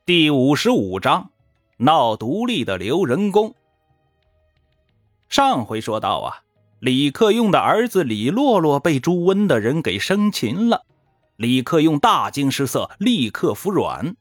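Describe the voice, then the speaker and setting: A man narrating history in a lively, folksy storytelling manner, with dramatic pauses. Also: on the high side, no echo, clean studio sound, soft background music.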